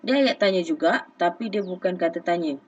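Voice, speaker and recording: A woman's voice: on the low side, fairly quick, dry recording, recorded from a distance, lo-fi sound. A Malaysian woman teacher explaining grammar patiently, with many okays, in a recorded lesson. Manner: patient, calls herself cikgu, many okays. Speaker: schoolteacher.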